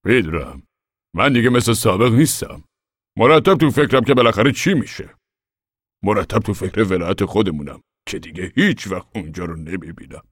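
A man's voice: mid-range voice, very animated, pauses often, a bit bright, no echo, clean studio sound, pitched above the performer's own voice. A man voicing a tired, homesick farmer father who feels defeated, in an audiobook. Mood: weary, resigned. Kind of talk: audiobook character reading.

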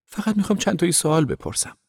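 A man's voice: high-pitched, huge pitch swings, breathy edge, long reverb tail, voice pushed up, full character voice. A man voicing a pushy woman reporter. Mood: eager insistent. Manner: insistent, pleading. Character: pushy young woman reporter, eager and insistent.

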